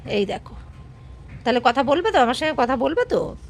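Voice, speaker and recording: A woman's voice: high voice, very animated, brisk, slight background noise. A woman filming her pet dog at home on a phone, talking to it in coaxing, repetitive baby talk. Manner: coaxing, sing-song, repeating herself. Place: home, indoors.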